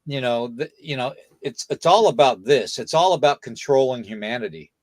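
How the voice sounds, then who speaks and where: A man's voice: medium pitch, moderate pace, a little mellow, no echo. Man lecturing with repeated "okay?". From United States. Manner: lecturing, peppers points with "okay?" and "you know". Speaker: podcast host. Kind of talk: casual podcast talk.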